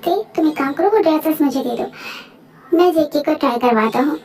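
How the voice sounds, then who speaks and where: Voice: high-pitched, lively intonation, a little fast, darkish tone. A dubber voicing a caring young man, an older brother, in a fan dub. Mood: firm.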